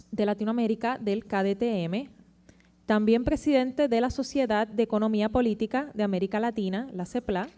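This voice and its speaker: A woman's voice: a little high, mellow. A woman moderating a panel, reading a formal scripted introduction in list-like phrases.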